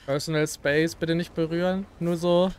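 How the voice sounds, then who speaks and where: A man's voice: fairly high pitch, fairly even intonation, moderate pace, clean tone. A man in casual gaming chat with friends, talking in a wry, teasing way. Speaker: gamer in a group of friends.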